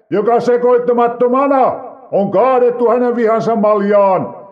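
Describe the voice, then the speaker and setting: A man voicing a proclaiming male angel of judgment, declaiming his words slowly and loudly. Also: very high-pitched, lo-fi sound, voice pushed up. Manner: declaiming, slow and raised.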